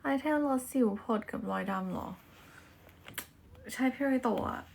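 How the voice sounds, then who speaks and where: A woman's voice: sits high, measured pace, vocal fry, darkish tone. A woman with a Thai accent, a native Thai speaker, hosting a casual livestream chat into a phone mic and switching between chatty Thai and careful English. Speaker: livestream host.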